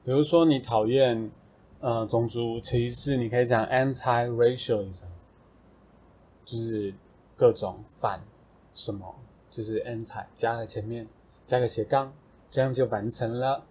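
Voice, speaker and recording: A man's voice: mid-range voice, steady tone, a little slow, darkish tone, a little hiss or hum. A man with a Taiwanese Mandarin accent, casually explaining English vocabulary as a podcast host, thinking aloud with fillers and self-corrections.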